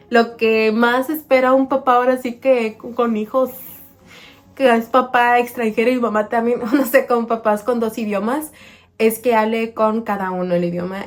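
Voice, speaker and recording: A woman chatting to viewers as a vlogging mother, slowing down to say words very clearly when she shows how she taught them. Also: fairly high pitch. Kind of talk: casual storytelling to viewers.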